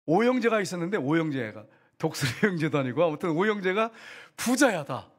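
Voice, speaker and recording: A middle-aged man preaching a sermon. His voice sits high, and his pitch swings widely as he throws questions out to the congregation. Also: sing-song, brisk. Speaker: pastor.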